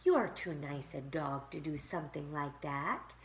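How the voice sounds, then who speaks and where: A woman's voice: sits low, moderate pace, roomy sound, slight background noise, pitched below the performer's own voice. A woman voicing a kind young boy in a storybook read-aloud, firmly scolding a dog. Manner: scolding, firm.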